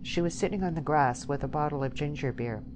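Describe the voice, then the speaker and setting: A woman reading a novel aloud as an audiobook narrator, in a measured, even way. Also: low voice, low-quality recording. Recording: steady background hiss.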